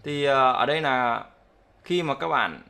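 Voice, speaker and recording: A man's voice: mid-range voice, expressive, measured pace, creaky, pushed and bright. A man teaching English pronunciation in a casual spoken lesson, explaining step by step and often checking that viewers follow.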